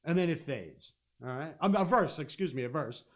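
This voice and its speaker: A man teaching a guitar lesson on a live stream, explaining step by step and humming out rhythms, with loud guitar playing behind him. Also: on the high side, expressive, moderate pace. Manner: explains step by step, hums rhythms, checks in with "okay?". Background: guitar playing and looper.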